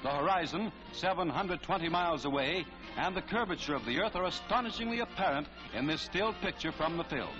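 A high-voiced man gives brisk, declamatory narration for an old 1940s newsreel. The sound is dull and lo-fi like archive film audio. Music plays clearly behind him. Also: expressive.

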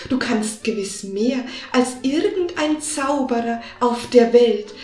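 A woman voicing a cunning, flattering male cat in a fairy-tale audiobook, talking eagerly. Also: sits high, pitched above the performer's own voice. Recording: roomy with faint music behind.

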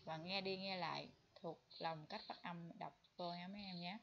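A woman English teacher giving a bilingual vocabulary lesson, repeating each word slowly for students to copy. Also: fairly low pitch, fairly even intonation, vocal fry, noisy background. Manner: slow drilled repetition of words. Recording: dull lo-fi recording.

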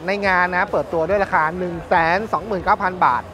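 A man in his thirties presenting bikes at a busy indoor motor show in a lively, chatty way, speaking into a lapel mic. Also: sits high, fast, a crowd in the background. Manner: lively, chatty, points things out. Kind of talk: casual walkaround presentation. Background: music.

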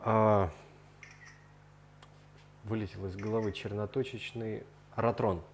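Speaking slowly in a fairly low, creaky voice with flat delivery, the host of an aquarium video series gives a casual tour of a room with large aquariums indoors. His words are still informal, slangy and enthusiastic, and the recording carries noticeable background noise.

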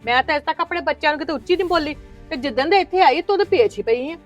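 A woman's voice: high voice, animated, very fast, lo-fi sound, soft background music. A woman with a Punjabi accent, acting an indignant mother arguing for her children in a scripted family drama. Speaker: married daughter of the house in a family skit.

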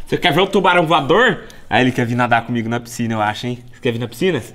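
A young Brazilian-accented man vlogs casually, tossing slang at his viewers and his dog. His medium-pitched voice races along against a noisy background. Loud music plays behind him throughout.

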